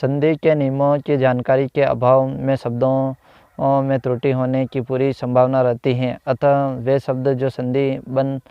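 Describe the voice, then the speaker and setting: A man teaching a grammar lesson at an unhurried pace, going through one word after another with a steady drilling repetition. His voice has a gravelly edge but stays smooth and resonant. The recording is dry and a little dull, like a cheap microphone. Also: mid-range voice, no room sound. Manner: slow, repeats each corrected word with "तो ... होता है"; hesitant, with fillers and self-corrections. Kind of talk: reading out a Hindi grammar lesson.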